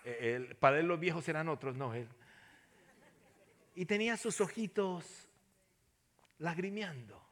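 A man preaching a sermon, telling a personal story and then appealing to listeners, going from soft near-whispers to loud passionate calls. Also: on the high side, expressive, measured pace, long pauses. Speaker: pastor.

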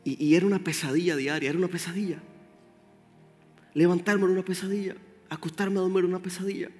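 Man, preacher, high pitched, animated, long hall reverb. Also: quick pace. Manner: animated, addresses the congregation directly. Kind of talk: sermon. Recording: roomy hall with faint music.

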